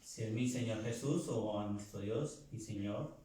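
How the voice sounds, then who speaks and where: A man teaching a French lesson, repeating words slowly and clearly for learners to copy. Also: fairly low pitch, warm tone. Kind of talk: slow language lesson with drilled pronunciation. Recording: echoey room, voice far from mic.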